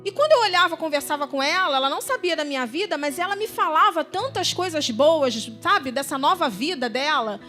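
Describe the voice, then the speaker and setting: A woman delivers a heartfelt sermon at a church service, her voice sitting high. She speaks like she is chatting with friends, often asking her listeners if they follow. Soft music drifts faintly beneath her words. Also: expressive, brisk, few pauses. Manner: conversational preaching, often asking "right?" and "you know?". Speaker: deaconess preaching.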